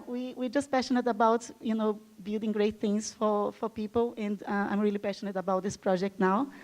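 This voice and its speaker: Speaking to a live audience at a design event, a Brazilian guest speaker who is a native Portuguese speaker gives a conference talk. She's enthusiastic and loosely chatty, often leaning on fillers, with a medium-pitched, darkish-toned voice.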